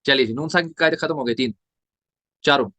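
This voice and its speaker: A man's voice: medium pitch, fast talker, bright, forceful tone, no echo. A man teaching a tajweed lesson, spelling out letters and vowel marks one by one and asking and answering his own questions. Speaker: Quran recitation teacher.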